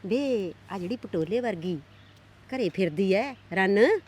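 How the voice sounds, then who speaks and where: A woman's voice: medium pitch, animated, takes it slowly, husky. A woman playing a scheming middle-aged village aunt who nags, coaxes and stirs up trouble. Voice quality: loud, nagging, coaxing. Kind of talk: village drama acting.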